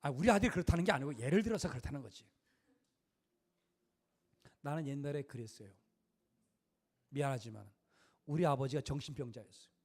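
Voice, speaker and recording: A man's voice: mid-range voice, a little fast, long pauses, darkish tone. A middle-aged male pastor preaching a sermon in a conversational, emphatic way, full of rhetorical questions.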